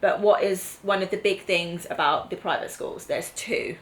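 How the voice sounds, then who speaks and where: There's a little hiss or hum behind this low-ish, fairly even voice moving at a moderate pace. It belongs to a middle-aged mother with an English accent casually chatting on her family vlog, explaining things and checking in with tag questions.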